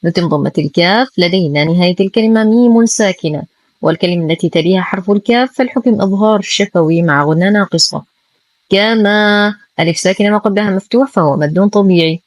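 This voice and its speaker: A woman's voice: medium pitch, darkish tone, no room sound. Precise woman teaching Quran recitation. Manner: precise, slow drawn-out modeling of syllables between brisk explanations. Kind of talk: tajweed lesson with slow model recitation.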